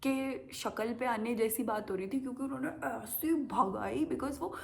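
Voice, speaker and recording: A woman's voice: fairly high pitch, unhurried, gravelly. A young woman telling a story casually to camera as a vlogger, acting out the voices of the people in it. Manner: animated, acts out quoted voices.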